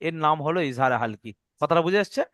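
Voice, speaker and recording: High-voiced patient male Quran teacher. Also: lively intonation, fast, a bit bright, dry recording, clean studio sound. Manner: patient, repeats rules and asks if students follow. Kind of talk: online tajweed lesson.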